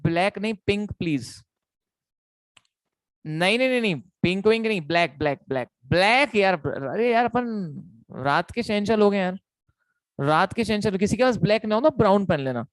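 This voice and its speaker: A man's voice: high voice, no room sound. A young man giving an online lecture, playful and teasing, repeating himself often. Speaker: teacher.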